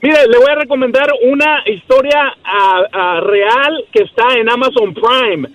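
A man calling into a radio show and recounting things in an earnest, measured way. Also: extremely high pitch, a bit bright. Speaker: caller. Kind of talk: phone-in call. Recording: dull phone-in line.

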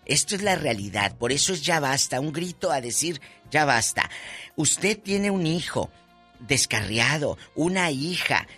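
A man's voice: on the high side, very animated, a little slow, sharp tone, husky, soft background music. A man hosting a radio show with flamboyant, jokey banter and theatrical exclamations. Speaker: radio host. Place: radio studio.

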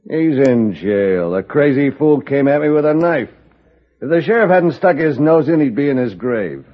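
A man plays a gruff, folksy frontier railroad boss in an old radio western. He is dismissive and scornful, with a medium-pitched voice on a slightly muffled recording. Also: lively intonation, moderate pace, close to an everyday voice. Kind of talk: 1950s radio western acting.

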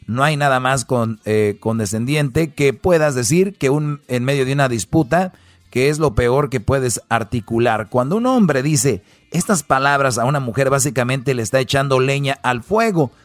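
A man's voice: mid-range voice, normal speed, no echo. A man with a Mexican accent, hosting a comedy segment and mocking a web article with crude sarcasm. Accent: Mexican Spanish. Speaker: show host.

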